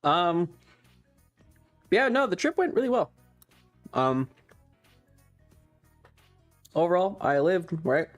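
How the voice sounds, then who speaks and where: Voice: mid-range voice, sing-song, slow pace, long pauses, faint music behind. A streamer chatting casually and informally to a live audience, rambling and thinking aloud. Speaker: streamer and ASMR video creator hosting a livestream. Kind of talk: casual livestream chat.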